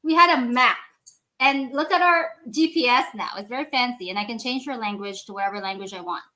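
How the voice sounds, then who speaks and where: A bright, emphatic woman hosts a motivational podcast, lecturing and speaking directly to her listeners. Her voice is a little high and fairly quick, and English isn't her first language.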